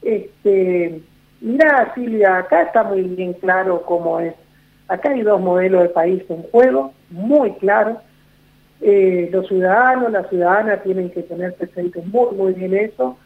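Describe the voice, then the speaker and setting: Heard through a tinny phone line, a man's voice sits high and moves a little slowly. He has an Argentine Spanish accent and is an executive director guesting on a radio phone interview, offering reassurance while circling back and leaning on fillers.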